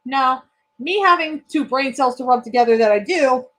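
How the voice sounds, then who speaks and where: Young woman with a high voice, telling a story on a podcast, swears a lot, laughs a bunch. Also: normal speed. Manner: profane, animated, laughs often. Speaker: podcast co-host. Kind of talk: casual storytelling.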